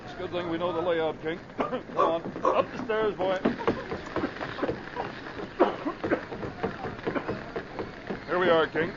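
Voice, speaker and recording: An actor playing a decisive, dutiful police sergeant hero in an old-time radio adventure, with a commanding manner. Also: male voice, sits high, normal speed, very noisy, lightly acted. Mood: urgent. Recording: muffled old radio recording, crowd behind.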